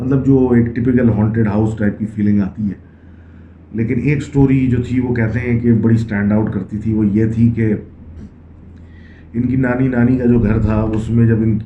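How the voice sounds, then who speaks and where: A man casually narrating a ghost story in a conversational way, often mixing English phrases into his speech. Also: fairly low pitch. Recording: echoey, tinny phone-like sound with faint hiss.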